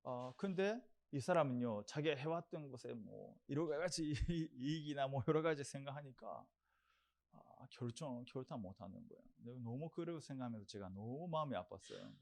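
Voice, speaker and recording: A man's voice: medium pitch, expressive, normal speed, vocal fry, a little mellow. Earnest Korean-speaking male preacher. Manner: earnest, repeats phrases, leads the congregation in declarations. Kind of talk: sermon.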